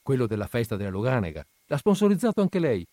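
A man voicing a proud, prickly young jazz bassist who answers with defiant sarcasm. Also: big pitch swings, fast, warm tone, dry recording, clean studio sound.

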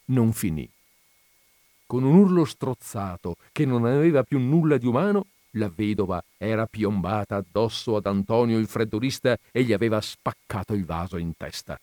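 A man reading humorous stories aloud, his pitch lively and animated. Between readings he thinks aloud and hesitates. The sound is dry and close. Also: normal speed, few pauses, dry recording. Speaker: presenter reading humor pieces. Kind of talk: storytelling read-aloud with commentary.

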